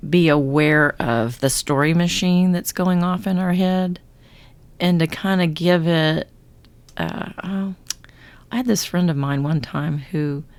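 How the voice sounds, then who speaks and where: Low-voiced woman co-host, rambling chat. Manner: rambling, self-correcting, laughs often. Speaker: podcast co-host; therapist or coach with clients. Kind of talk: casual chat.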